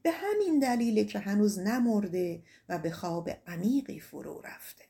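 A woman reading an audiobook voices the wise and majestic sun as a kindly male king, who speaks in a gentle, measured way. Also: medium pitch, animated, vocal fry.

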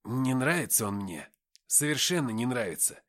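A man's voice: medium pitch, sing-song, normal speed, a bit bright. A man reading an audiobook voices a cheeky, mocking young man who teases his companions. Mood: doubtful. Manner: teasing, flippant.

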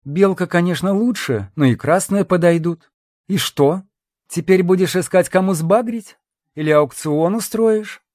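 A man's voice: high-pitched, measured pace, a little mellow, no room sound, studio quality, voice pushed up. A man reading an audiobook, voicing a cold, greedy young woman mercenary who teases and mocks. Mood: sly. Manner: sly, teasing, playful.

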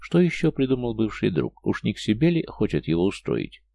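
A man narrating an audiobook in a measured, somber storytelling manner. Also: fairly low pitch, huge pitch swings, gravelly, dark tone, no echo.

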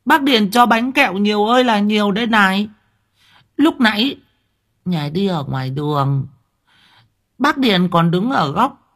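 A very high, whining, childlike voice of a simple young village woman, put on by a man. She pleads in a sing-song way and keeps insisting. The voice is a little husky, with faint music behind it. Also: expressive, unhurried, long pauses, fairly bright tone, heavily acted. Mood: eager.

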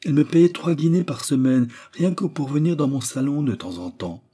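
A chatty, respectable middle-aged landlady who rattles on eagerly about her best tenant, played by a male audiobook reader. The voice is lifted well above his own register and still carries a husky, mellow grain. She sounds fussy and talkative throughout. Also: on the high side, very animated, normal speed, voice pushed up. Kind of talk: audiobook character voice.

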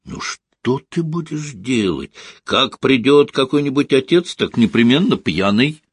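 A man's voice: mid-range voice, lively intonation, unhurried, breathy edge, dry recording, voice pushed up. Man putting on a stern female nurse, curt, scolding, dismissive, dry recording. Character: stern stone-faced female maternity ward nurse.

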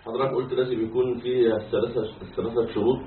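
A man's voice: medium pitch, little pitch movement, very fast, crowd noise. A man, a student putting hesitant questions to his sheikh during a grammar lesson. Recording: tinny phone line with faint background.

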